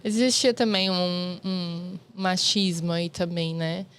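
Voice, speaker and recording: A woman's voice: fairly low pitch, steady tone, slow pace, clean tone. A woman hosting an interview, asking short questions and giving brief listening responses. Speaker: interviewer host.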